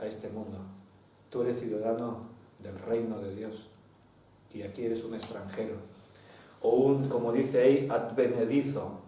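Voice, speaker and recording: A man's voice: medium pitch, warm tone, slight background noise. A man with a Spain Spanish accent, a pastor leading a Bible study and putting questions to the congregation. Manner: teaching, asks the congregation questions. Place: church hall. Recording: very echoey hall, distant mic.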